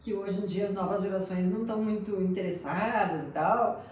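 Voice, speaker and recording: A woman's voice: medium pitch, a little fast, a little mellow. A woman hosting a casual interview and telling stories with animation. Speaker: host. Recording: echoey room from a distance, faint noise.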